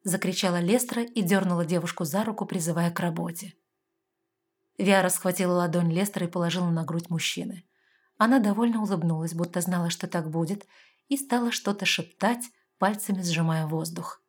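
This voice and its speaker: A woman narrating a fantasy novel aloud with a steady, expressive reading. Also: lowish voice, a little fast, slightly rough. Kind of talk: audiobook narration.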